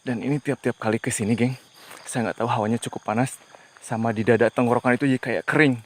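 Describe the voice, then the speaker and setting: Guy doing a night ghost hunt outside, tense and hushed, talking to the camera mic. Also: mid-range voice, fairly even intonation, fast talker, slight background noise. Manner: tense, hushed, talks to viewers as he explores. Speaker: paranormal investigator host. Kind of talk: ghost-hunting vlog narration.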